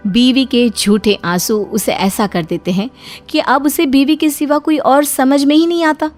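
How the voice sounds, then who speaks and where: Brief: woman narrator for a cartoon story, fairly high voice, faint music underneath. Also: measured pace, darkish tone.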